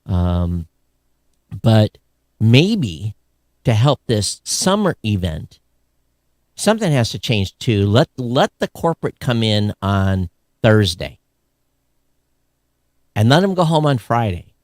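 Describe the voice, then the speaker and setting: A man's voice: lowish voice, very animated, slow pace, pauses often, a little mellow, dry recording, clean studio sound. A man co-hosting a live podcast, rambling and grumbling like an old curmudgeon while he chats and reads out listener comments. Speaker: podcast co-host.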